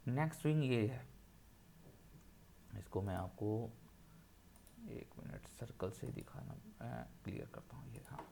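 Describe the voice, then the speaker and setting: A man's voice: medium pitch, animated, a little slow, creaky, long pauses, warm tone, a little hiss or hum. Insistent man teaching trading charts. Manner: insistent, repeats points for emphasis. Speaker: trading educator. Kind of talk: screen-share chart tutorial.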